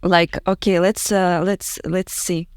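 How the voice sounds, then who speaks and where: A woman from Russia with a Russian accent, speaking English as a second language and often pausing to search for words as an interview guest. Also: lowish voice, flat delivery, darkish tone, clear, resonant tone, no room sound, clean studio sound. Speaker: guest musician. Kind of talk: casual interview chat in English.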